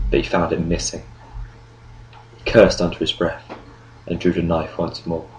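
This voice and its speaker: A man reading an audiobook novel in steady, measured narration. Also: low-pitched, slight background noise, low-quality recording. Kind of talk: scripted narration.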